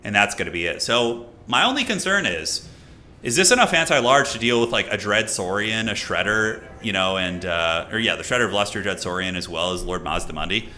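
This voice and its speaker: Chatty man with a bright voice. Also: fairly low pitch, lively intonation, fairly quick, a little hiss or hum. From United States. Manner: loose and chatty, many fillers and restarts, reads chat aloud. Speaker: streamer and caster. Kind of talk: casual live-stream chat and game commentary.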